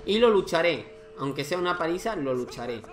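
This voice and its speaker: A man's voice: a little high, expressive, a little fast, faint music behind. A man giving casual let's-play commentary, thinking aloud and exclaiming as he plays a strategy game. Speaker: gaming YouTuber.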